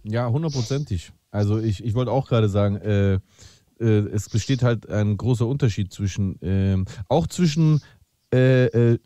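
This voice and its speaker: A man's voice: on the low side, moderate pace, dark tone, no echo. A man in casual podcast talk, speaking earnestly with many hesitations. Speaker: podcast co-host. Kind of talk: casual chat.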